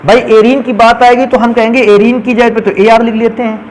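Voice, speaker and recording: A man's voice: extremely high pitch, little pitch movement, a little fast, poor audio. A man teaching a chemistry lesson who keeps asking his students questions and answering them himself, speaking. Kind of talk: classroom lecture.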